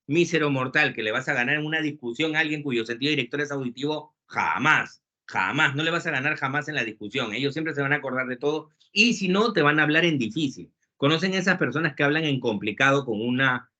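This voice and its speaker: Jokey man with a bright voice. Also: on the high side. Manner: lively, jokey lecturing with acted quotes. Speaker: webinar speaker. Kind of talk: humorous leadership talk. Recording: muffled lo-fi webinar audio.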